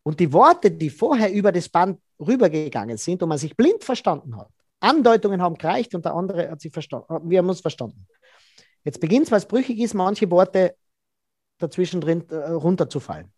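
A man, a body language expert being interviewed, who explains in a lively way and acts out quoted dialogue. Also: sits high, brisk, no room sound, studio quality.

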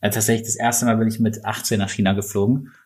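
A man in his thirties speaks in a low voice during a casual interview. He talks haltingly, full of fillers and restarts as he searches for words. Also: little pitch movement, darkish tone. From born in Ukraine, raised in Berlin. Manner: hesitant, many fillers and restarts. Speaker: company founder, guest.

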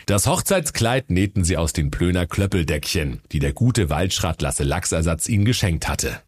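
A man with a deep, low voice tells a comic fairy tale. His delivery is dry and mock-solemn, like a mock bedtime story. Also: animated, normal speed.

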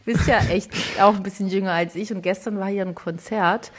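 A woman in her thirties co-hosting a podcast in a casual, talkative way. She thinks out loud and restarts her sentences often, with easy laughter, at a mid-range pitch. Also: steady tone, a little fast. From Greek family background. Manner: thinks aloud with many restarts, laughs easily. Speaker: podcast co-host. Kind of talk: casual conversation.

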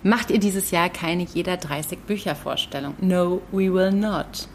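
Lively woman with a lowish voice. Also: unhurried. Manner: lively, playful, warm-hearted. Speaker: podcast co-host. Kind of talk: casual literary chat. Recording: faint background hiss.

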